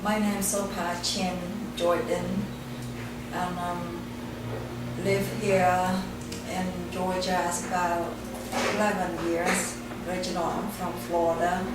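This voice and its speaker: Soft-spoken older Cambodian woman, very slow. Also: on the low side, little pitch movement, heavy background noise. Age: 60s. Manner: halting, plain, with frequent pauses. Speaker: interviewee. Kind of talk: personal life story interview. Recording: echoey room, from far off, music behind.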